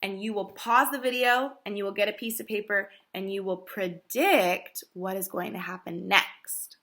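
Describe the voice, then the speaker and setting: A woman teacher giving a recorded lesson to young children, explaining things slowly and clearly. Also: medium pitch, steady tone. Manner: slow, clear teacher talk for small children; reads the story aloud slowly and loudly, stressing each word. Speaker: first grade teacher.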